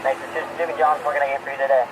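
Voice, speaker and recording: A man working a fast food drive-thru, greeting customers quickly and routinely through the drive-thru speaker box, heard from inside a car. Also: a little high, little pitch movement, fairly bright tone, faint music behind, low-quality recording.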